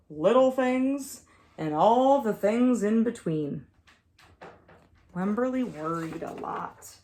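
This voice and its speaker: A preschool teacher with a fairly high-pitched voice reads a picture book to young children. She uses deliberate, expressive phrasing and puts weight on certain words.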